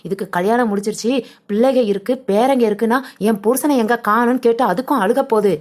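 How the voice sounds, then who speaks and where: A woman voicing a fussy, excitable village woman in a cartoon who exclaims and complains. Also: a little high, fast talker, natural voice. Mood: fretful. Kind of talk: cartoon voice acting.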